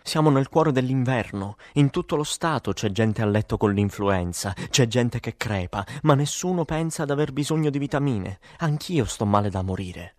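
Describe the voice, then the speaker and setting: A man's voice: mid-range voice, lively intonation, moderate pace, hardly any pauses, dry recording, studio quality, lightly acted. A man voicing a weary, exasperated woman who sells vitamins, swearing and emphatic, in an audiobook. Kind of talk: audiobook character voice.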